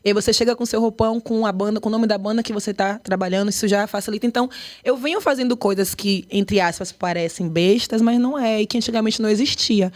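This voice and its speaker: A woman with a Bahian Portuguese accent talks in a podcast interview, lively and emphatic. She is a choreographer and artistic director who tells her stories at a brisk, animated clip with a mid-pitched voice. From Brazil, Bahia.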